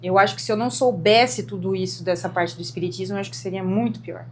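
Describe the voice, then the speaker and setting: A young woman co-hosting a podcast, chatting casually and earnestly, getting animated as she tells personal stories. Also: mid-range voice, quick pace, a little hiss or hum. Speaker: podcast co-host. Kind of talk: casual chat.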